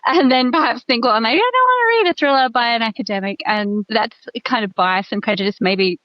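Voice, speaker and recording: A woman's voice: fairly high pitch, lively intonation, a little fast, no echo, muffled recording. Australian woman in her fifties, chatty guest. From Tasmania, Australia. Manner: thoughtful, self-deprecating, many fillers. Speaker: guest author. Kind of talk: casual interview chat.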